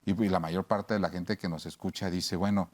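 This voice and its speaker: A Mexican man with a low voice hosts a radio talk program. He explains slowly and patiently, stopping to restart his sentences and reaching for everyday comparisons. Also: fairly even intonation. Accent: Mexican Spanish. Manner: hesitant, many restarts and fillers, explains with homely examples. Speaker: radio show host. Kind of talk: explanatory talk show conversation.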